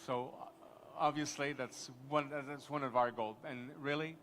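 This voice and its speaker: A native French speaker from Quebec, this man talks as a panelist at a live conference in a French-Canadian accent, rambling eagerly and restarting his sentences often. His medium-pitched voice is steady, fairly bright, and a little slow, with slight background noise.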